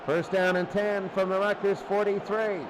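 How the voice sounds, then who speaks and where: Over a loud stadium crowd, a male sports announcer calls live football play-by-play. His voice is high and flat, at a moderate pace.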